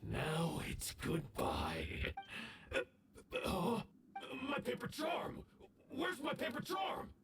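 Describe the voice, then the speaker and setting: A man voicing a theatrical, scheming male game villain, menacing and gravelly. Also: sits high, huge pitch swings, takes it slowly, over music, exaggerated voice. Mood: panicked. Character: scheming, gloating male villain who panics when thwarted. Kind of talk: video game voice acting. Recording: roomy, distant sound with clear noise.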